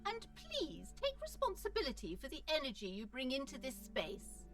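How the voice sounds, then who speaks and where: A woman's voice: sits high, huge pitch swings, moderate pace, a bit bright, far from the mic, faint music behind, heavily acted. A woman voicing a formal greeter in a video game, her voice coming through robotic and metallic. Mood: formal welcome. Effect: robotic, metallic distortion.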